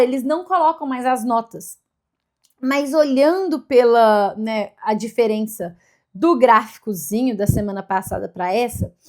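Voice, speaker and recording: A woman, chatting casually to camera in a vlog and often correcting herself mid-sentence. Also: high-pitched. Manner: chatty, self-correcting, upbeat. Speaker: vlogger.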